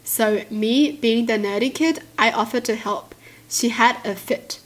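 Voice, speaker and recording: A woman reading stories aloud and commenting on them casually, with an animated, exclamatory and indignant manner. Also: a little high, unhurried, poor audio. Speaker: video host reading stories and reacting.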